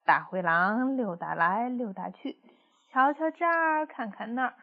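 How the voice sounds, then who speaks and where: A woman's voice: fairly high pitch, animated, a little slow, phone-quality sound. A woman storyteller reading a children's story expressively.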